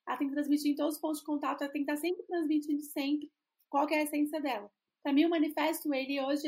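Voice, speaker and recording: High, gravelly Brazilian woman. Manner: thoughtful, restarts phrases while searching for words. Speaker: podcast co-host, brand designer. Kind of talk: casual podcast chat.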